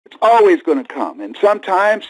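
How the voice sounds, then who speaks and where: A man giving an emphatic, preacher-like motivational speech, repeating key lines and swinging from low murmurs to high cries. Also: big pitch swings, a little fast, poor audio. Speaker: motivational speaker. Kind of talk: motivational speech to a live audience.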